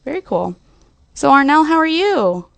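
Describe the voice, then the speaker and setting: A woman's voice: high-pitched, very animated, normal speed, gravelly, fairly bright tone, dry recording. A young woman hosting an internet radio show, chatting casually and a little scatterbrained. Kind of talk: casual chat.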